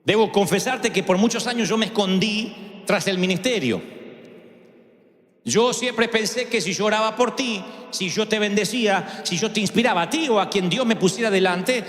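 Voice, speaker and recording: A man's voice: high voice, moderate pace, a bit bright. A male preacher giving a sermon in a dramatic way, acting out quotes with big swings in his voice. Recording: echoey hall with long reverb.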